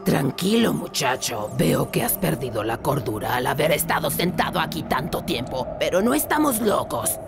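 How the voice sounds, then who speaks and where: A woman voicing a stern, creepy old granny in an animated horror parody. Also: deep voice, normal speed, gravelly, few pauses, heavily acted. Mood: scolding. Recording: loud music behind.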